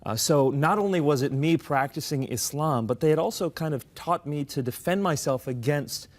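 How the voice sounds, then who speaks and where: A man's voice: a little high, normal speed. A young adult man from the United States, a guest in an interview, telling his life story in an earnest, articulate way. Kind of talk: conversational interview.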